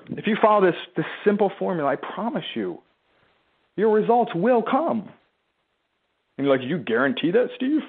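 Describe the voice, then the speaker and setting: A man's voice: high voice, sing-song, normal speed, pauses often, husky. Emphatic man coaching over a tinny line. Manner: emphatic, conversational, asks rhetorical questions; mimics the listener's objections in a whiny voice. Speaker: business and marketing coach. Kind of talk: motivational live talk to followers. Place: a room at home, seated in a chair.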